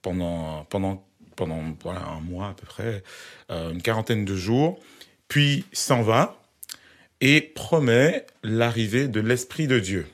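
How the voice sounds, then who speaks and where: A man hosting a conversation, telling a story in a measured, hesitant way. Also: fairly low pitch.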